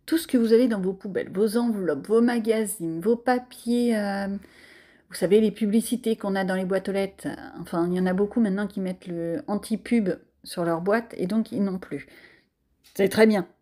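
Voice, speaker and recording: Chatty French woman with a mellow voice. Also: medium pitch, moderate pace. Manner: chatty, self-deprecating, lots of fillers. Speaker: crafting vlogger. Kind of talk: casual crafting tutorial.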